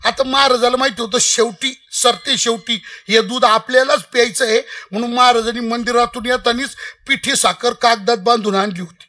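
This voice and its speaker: Man, kirtan preacher, humorous sermon, playful storytelling, very high, bright voice. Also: brisk. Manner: lively, playful, teasing the audience.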